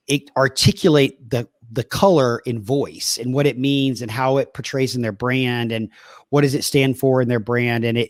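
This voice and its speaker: A man's voice: medium pitch, dry recording, clean studio sound. A man with a Southern US accent hosting a podcast interview, asking curious, enthusiastic questions in a casual chat. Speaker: podcast host.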